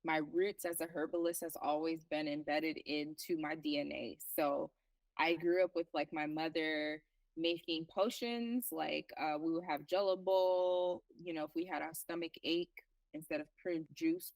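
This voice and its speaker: Low-voiced woman from liberia, earnest guest on a podcast, dry and a bit far from the mic. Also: steady tone, dry recording. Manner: earnest, reflective, halting restarts. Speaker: guest herbalist. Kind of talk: casual interview talk.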